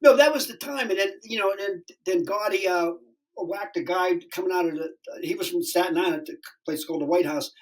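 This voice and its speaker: A man's voice: sits high, brisk, low-quality recording. A stand-up comedian in his sixties telling a story as a podcast guest, rambling and profane with lots of restarts. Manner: rambling, animated, profane, many fillers and restarts. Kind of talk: casual storytelling interview.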